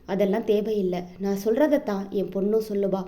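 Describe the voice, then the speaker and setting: Lady reading a strict dad, firm, no arguing, warm low tone. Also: brisk, natural voice. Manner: firm, final. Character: stern middle-aged father, firm and proud.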